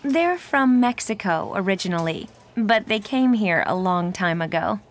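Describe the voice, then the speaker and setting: A woman's voice: mid-range voice, expressive, normal speed, natural voice. An actress playing a cheerful young woman in her twenties who talks about her hometown and family in a textbook dialogue.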